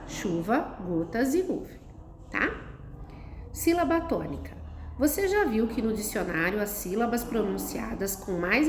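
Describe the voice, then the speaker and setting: A woman teacher, patiently explaining a lesson to children step by step and checking in with "tá?". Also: mid-range voice. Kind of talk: recorded classroom lesson for children. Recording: echoey room, faint noise.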